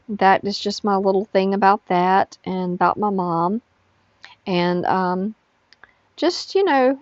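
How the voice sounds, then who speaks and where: Tired middle-aged woman vlogger, drowsy unhurried chat, dull recording. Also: mid-range voice, no room sound. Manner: slow, drowsy rambling with frequent fillers. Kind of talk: casual chat to camera. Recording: dull, lo-fi sound.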